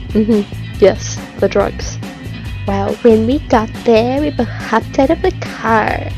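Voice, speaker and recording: A young woman with a slightly high, mellow voice reads fan fiction aloud and mocks it as she goes. She talks slowly and sarcastically, dragging out her words and sighing at the writing. The sound is dry and close. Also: low-quality recording. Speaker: YouTube host reading fan fiction aloud. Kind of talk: comedic dramatic reading with commentary.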